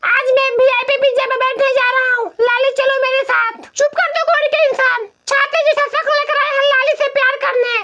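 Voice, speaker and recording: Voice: very high-pitched, little pitch movement, quick pace, hardly any pauses, muffled recording, heavy background noise. A performer voicing jealous male cartoon vegetables who boast and trade insults over a tomato in a comedy cartoon. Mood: quarrelsome. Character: squeaky jealous male vegetable lovers, bickering.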